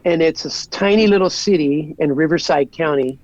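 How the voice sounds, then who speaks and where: Laid-back 40s guy from socal, slightly high voice, dry dull lo-fi sound, lots of "like". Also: brisk, darkish tone, no echo. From Southern California. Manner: easygoing, rambling with lots of "like". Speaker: guest. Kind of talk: casual podcast chat.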